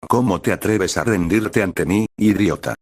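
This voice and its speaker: A man's voice: deep voice, measured pace, darkish tone, dry recording, clean studio sound. Man voicing a cold, curt tigress wife. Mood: furious. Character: proud, irritable tigress wife.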